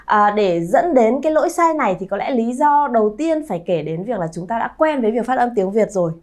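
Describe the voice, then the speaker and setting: A woman in her thirties teaching pronunciation to her viewers, lively and drawing out sounds to model them. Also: a little high, fairly quick. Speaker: Chinese teacher, channel founder. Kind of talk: pronunciation lesson to camera.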